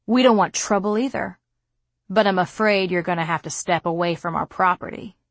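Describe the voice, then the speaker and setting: A woman's voice: normal speed, dry recording. Woman doing a cold tattooed gunman. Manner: low, flat, quietly threatening. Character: cold tattooed male gunman, controlled and threatening.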